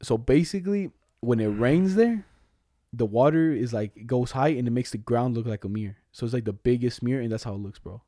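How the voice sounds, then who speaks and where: A young man in casual co-host banter, telling stories in a slangy, profane, animated way. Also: medium pitch, a little fast, dry recording, clean studio sound.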